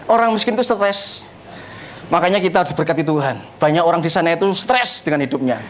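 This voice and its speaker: A man's voice: a little high, fast talker. A man preaching a sermon as pastor in a church, telling funny stories and laughing often as he talks. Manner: animated, joking, laughs often at his own stories. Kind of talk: humorous storytelling sermon.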